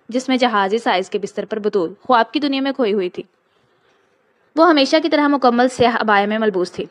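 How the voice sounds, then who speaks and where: A woman narrating a romantic audio novel in a steady, expressive reading. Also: on the high side, no echo.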